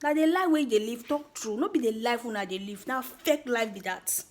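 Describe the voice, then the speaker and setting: A woman's voice: on the high side, a little fast, a little mellow. A woman with a Nigerian accent speaks Nigerian Pidgin in an informal, emphatic rant to viewers, teasing and repeating words for effect. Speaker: vlogger giving social commentary.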